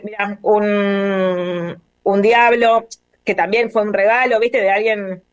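A woman's voice: mid-range voice, steady tone, slow, dry recording. A woman with a Rioplatense accent, guest artist on a casual video call, talking in a rambling way and searching for words. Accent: Rioplatense Spanish.

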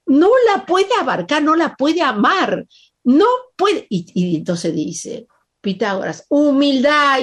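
A woman giving a spiritual talk, emphatic and dwelling on repeated words. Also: sits high. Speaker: spiritual teacher.

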